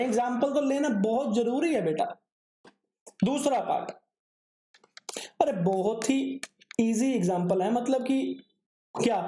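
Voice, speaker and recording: A man's voice: very high voice, dark tone, echoey room, a little hiss or hum. A young man teaching accounting in a recorded lecture, chatty and affectionate, asking rhetorical questions and calling his students "beta".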